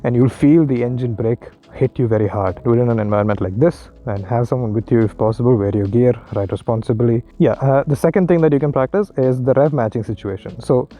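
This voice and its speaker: A man with a soft-edged, mellow voice at an average pitch talks through riding technique in an informal, explanatory way. He thinks aloud like a vlogger on a motorbike outdoors. Faint music and vehicle sounds sit behind him. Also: a little fast, hardly any pauses. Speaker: motovlogger, learner rider giving tips. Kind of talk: casual instructional vlog talk while riding. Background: motorcycle engine and traffic sounds, music.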